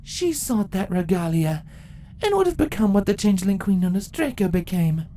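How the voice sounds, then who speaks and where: A woman voicing an ancient changeling empress in a fantasy story, a calm, condescending and menacing villain who speaks deliberately. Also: medium pitch, a little hiss or hum, voice pushed up, natural voice.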